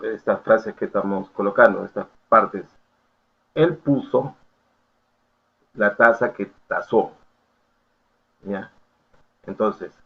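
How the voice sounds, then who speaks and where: Low-voiced man lecturing, tinny audio. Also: breathy edge. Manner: explanatory, full of checking questions and fillers. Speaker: university lecturer. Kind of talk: academic lecture.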